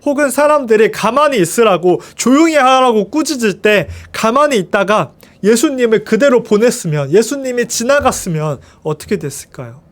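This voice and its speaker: Very high-voiced man telling a kids' story. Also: normal speed, hardly any pauses. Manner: animated, expressive storytelling with questions to the children. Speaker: children's ministry teacher. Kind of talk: children's sermon storytelling.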